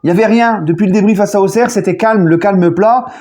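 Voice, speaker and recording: A man chatting casually in a video debrief as a football fan, jokey and animated, with sudden loud outbursts. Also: high-pitched, brisk.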